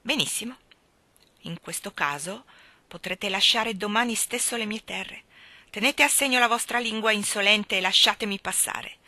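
A man's voice: high voice, moderate pace, bright, forceful tone, dry recording, full character voice. A woman reading aloud, voicing an arrogant, scheming male lawyer who speaks curtly. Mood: haughty. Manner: curt, arrogant.

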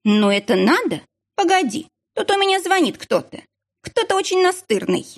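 Woman doing a shrill rude hospital nurse. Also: sing-song, a little slow, heavily acted. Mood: gossiping. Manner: snappish, dismissive, shrill. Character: rude, irritable female hospital duty nurse.

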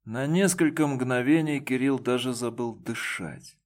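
A male narrator reads an audiobook slowly. His pitch sits in the middle and his reading is measured and even. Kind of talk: scripted narration.

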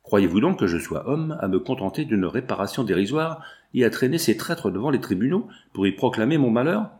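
A man's voice: on the low side, animated, moderate pace, darkish tone. A man voicing a stern vengeful magistrate. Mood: furious. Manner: cold, accusing and relentless. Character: stern vengeful middle-aged male magistrate. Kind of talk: audiobook character reading.

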